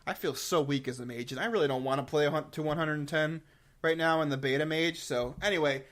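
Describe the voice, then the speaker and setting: Fast and a bit bright, his voice sits a little high. This gaming YouTuber talks informally and off the cuff to his audience, reviewing a game and sharing channel updates while hitting key words with heavy emphasis.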